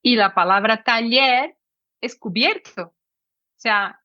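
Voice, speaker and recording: Woman, higher voice, dry, muffled sound. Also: takes it slowly, no echo. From Brazil. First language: Portuguese. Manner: lively, explains with examples. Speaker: guest, Spanish teacher. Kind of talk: explanatory interview talk.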